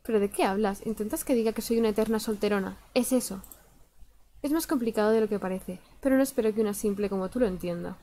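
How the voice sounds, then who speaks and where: A woman's voice: mid-range voice, quick pace, dark tone, a little hiss or hum, lightly acted. A woman reading out the lines of a proud, haughty teenage girl rival in a disdainful tone.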